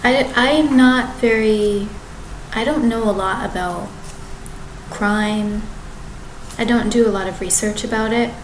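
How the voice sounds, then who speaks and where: In an echoey apartment living room with the kitchen behind her, a woman vlogs straight to the camera in a rambling monologue. Her voice sits a little high, and she speaks haltingly, with many restarts and self-corrections. Her webcam is at desk distance and also catches background noise.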